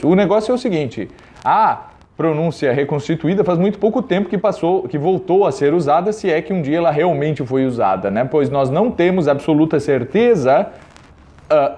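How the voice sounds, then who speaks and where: A man with a Brazilian Portuguese accent giving a casual video lesson on Latin and Greek pronunciation, hesitant with fillers, reading passages slowly. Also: a little high, mellow. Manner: hesitant, with many fillers and restarts; reads passages slowly and deliberately.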